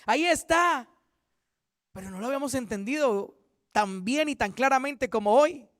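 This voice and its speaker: A man's voice: extremely high pitch, expressive, moderate pace, a bit bright, no room sound. A man, a pastor, teaching a Bible study in an earnest, repetitive way, often correcting himself mid-sentence.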